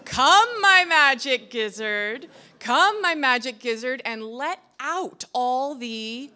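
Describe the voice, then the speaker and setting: A woman doing a shrill, indignant rooster. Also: lively intonation, measured pace, pushed and bright. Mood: chanting. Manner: crowing, shrill and insistent. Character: valiant indignant male red rooster.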